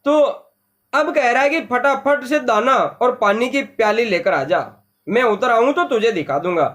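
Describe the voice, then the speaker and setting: High-voiced man explaining a story. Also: normal speed, fairly bright tone. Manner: repetitive, explanatory. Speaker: Hindi teacher. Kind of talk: storybook lesson, retelling and explaining.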